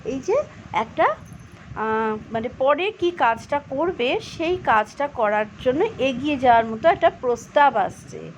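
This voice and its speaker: A woman teaching children to read English, reading each line very slowly and then explaining spelling and pronunciation. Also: lively intonation. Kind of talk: bilingual reading lesson for children. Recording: slightly dull low-fi recording with faint background noise.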